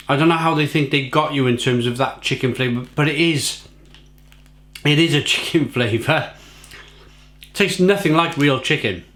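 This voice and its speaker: A man giving a casual, rambling snack review, munching crisps between phrases and repeating himself for mock-dramatic emphasis. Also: medium pitch, fairly bright tone. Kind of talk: casual food tasting review to camera. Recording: echoey room, faint noise, packet crinkling. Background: crisp packet crinkling and crunching.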